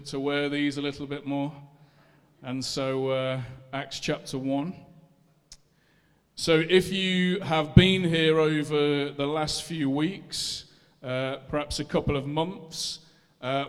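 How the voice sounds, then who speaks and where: A man's voice: on the high side, fairly even intonation, takes it slowly, clean tone. Leicester-accented male pastor in a reverberant hall. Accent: Leicester, English East Midlands. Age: 40, about to turn 41. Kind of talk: sermon with scripture reading.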